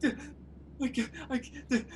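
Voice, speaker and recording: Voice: sits high, steady tone, extremely slow. An actor playing a stammering, panicky first-time flyer. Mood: panicked. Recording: clear background noise.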